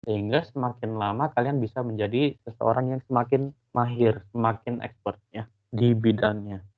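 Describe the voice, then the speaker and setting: A man's voice: medium pitch, steady tone, normal speed. A male university lecturer giving a casual online lesson, explaining at length with frequent fillers. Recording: tinny phone-like line.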